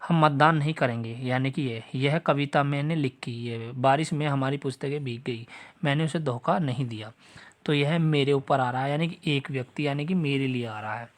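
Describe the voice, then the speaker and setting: A man's voice: medium pitch, moderate pace. A man teaching a Hindi grammar lesson for exam prep. He talks straight to his students, repeats the example sentences and checks that they follow.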